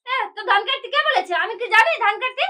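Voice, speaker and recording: A woman's voice: very high-pitched, quick pace, sharp tone, no echo. An actress playing a young, town-raised daughter-in-law with a Purulia Bengali accent, who whines and pushes back against her in-laws. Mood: complaining. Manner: whiny, complaining, defiant. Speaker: actor in a village drama.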